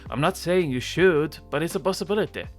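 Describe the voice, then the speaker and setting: A man's voice: fairly high pitch, a little fast. Enthusiastic man narrating over background music. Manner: enthusiastic, emphatic. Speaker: gaming video host. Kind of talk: scripted YouTube narration, conversational. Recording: music bed under voice.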